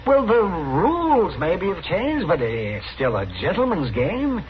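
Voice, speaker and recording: An American actor playing a crusty, excitable town doctor in a radio western, testy, sputtering and easily indignant. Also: male voice, sits high, measured pace, a crowd in the background, exaggerated voice. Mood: protesting. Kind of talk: 1950s radio western acting. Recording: muffled old radio recording, noisy hiss.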